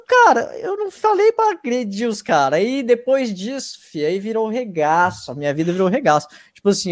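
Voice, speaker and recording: A man's voice: on the high side, darkish tone, no room sound, clean studio sound. A man telling his story as a guest in a casual interview, slangy and emphatic, swearing freely and often checking in with his listeners. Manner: emphatic, often asks "tá ligado?". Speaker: guest, YouTube reaction channel host.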